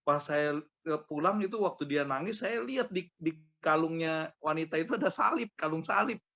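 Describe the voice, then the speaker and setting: A man telling a personal testimony to his small group in a casual, animated way, full of repeated filler tags. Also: fairly high pitch, moderate pace. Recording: dull lo-fi recording.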